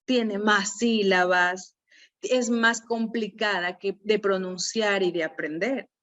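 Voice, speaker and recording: A woman with an Ecuadorian Spanish accent leading a virtual workshop, lively and often questioning her audience. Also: medium pitch, slow pace. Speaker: workshop leader. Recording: dull lo-fi online call audio.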